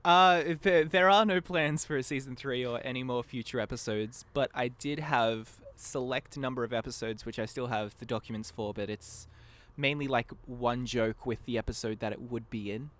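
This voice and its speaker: With a slightly bright mid-range voice at a moderate pace, the man barely pauses. He's a fan abridged-series creator guesting on a casual podcast interview, wandering self-deprecatingly through his answers and cutting thoughts short.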